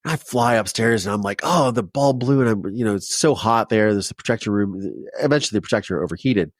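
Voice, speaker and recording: A man's voice: on the low side, fast talker, no room sound, clean studio sound. A man from Ohio, a documentary filmmaker, telling his personal story as a podcast guest, heartfelt and rambling with many restarts. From Ohio, United States.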